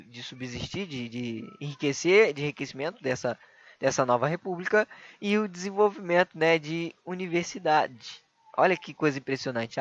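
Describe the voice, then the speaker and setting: A man's voice: fairly high pitch, a bit bright, dry recording, muffled recording. A man with a Brazilian Portuguese accent teaching a recorded history lesson for exam prep, explaining step by step, asking himself rhetorical questions and adding tag questions.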